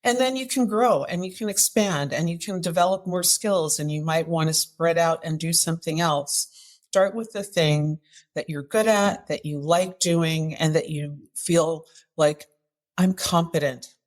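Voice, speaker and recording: Her voice sits low and unhurried as the guest author and activism coach speaks in an interview. She is direct and emphatic with her advice and leans on rhetorical questions.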